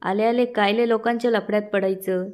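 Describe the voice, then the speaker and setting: A woman voicing a mild middle-aged husband who keeps trying to calm his wife down. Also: medium pitch, fairly quick, close to an everyday voice. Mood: soothing. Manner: soothing, trying to calm things.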